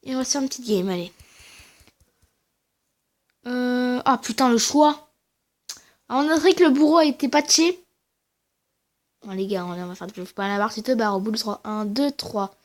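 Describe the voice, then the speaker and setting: A woman giving casual, slangy commentary over her own gameplay, talking quietly and then shouting at big wins and losses. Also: a little high, lively intonation, normal speed, pauses often. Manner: speaks quietly between outbursts. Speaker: gaming channel host.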